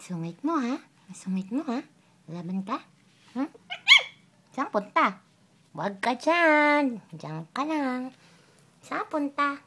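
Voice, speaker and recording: A woman's voice: high-pitched, big pitch swings, slow pace, pauses often, noisy background. A woman, teasingly coaxing her pet in playful baby talk, with sing-song calls and giggles. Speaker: pet owner talking to her pet.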